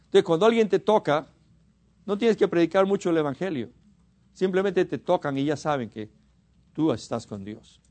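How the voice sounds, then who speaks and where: Fervent Mexican man preaching a sermon. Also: fairly high pitch. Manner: fervent, rises to emphatic exhortation then drops to quiet asides; repeats and restarts words for emphasis.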